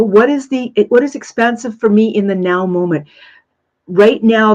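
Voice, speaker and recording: A woman's voice: medium pitch, a little mellow, dull audio. A woman in her thirties hosting a live spiritual question-and-answer session, talking earnestly and effusively and repeating phrases for emphasis. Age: 30s. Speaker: spiritual Q&A host.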